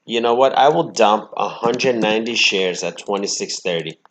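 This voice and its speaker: A man's voice: lowish voice, moderate pace, fairly bright tone, a little hiss or hum. A man hosting a trading channel, giving live, brash commentary on his stock trades, swinging between emphatic outbursts and muttered asides.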